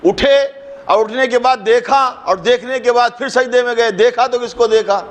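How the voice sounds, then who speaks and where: A man's voice: very high-pitched, fairly even intonation. A man, a cleric giving an impassioned mourning sermon at a mosque gathering, who asks rhetorical questions and rises into a fervent recited couplet.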